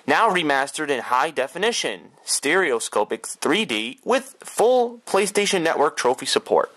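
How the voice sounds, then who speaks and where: Bright-voiced young man rambling through an unboxing. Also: fairly high pitch, sing-song, a little slow. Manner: rambling, swears casually, thinks aloud. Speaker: YouTuber doing an unboxing. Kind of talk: casual unboxing commentary. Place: bedroom.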